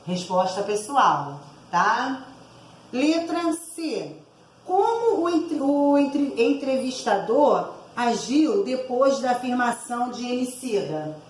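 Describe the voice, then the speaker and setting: A woman's voice: a little high, sing-song, takes it slowly, reverberant, slight background noise, low-quality recording. A woman teacher going through exercise answers aloud for her class, explaining each item and often checking in with her listeners. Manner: explanatory, frequent tag words asking for agreement.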